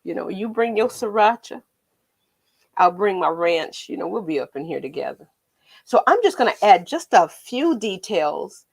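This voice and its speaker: A woman's voice: medium pitch, very animated, normal speed, gravelly, slightly rough. An American woman with a tinny, slightly metallic voice chats casually on a painting livestream, rambling playfully to her viewers as host and art teacher.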